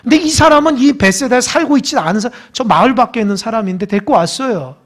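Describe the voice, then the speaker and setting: A man preaching a Sunday sermon as pastor, peppering it with rhetorical questions and swinging between loud and soft. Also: very high-pitched, animated, fast talker. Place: church.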